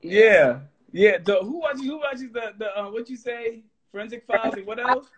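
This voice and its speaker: A man's voice: very high-pitched, normal speed, highs cut off, crowd noise. A man, hosting a casual interview and talking loosely, often repeating words as he starts. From Texas. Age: 30s. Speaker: host.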